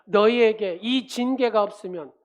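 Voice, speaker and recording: A woman's voice: a little high, moderate pace, darkish tone. A woman pastor preaching a sermon at a church service, driving her points home with repeated phrases and questions to the congregation.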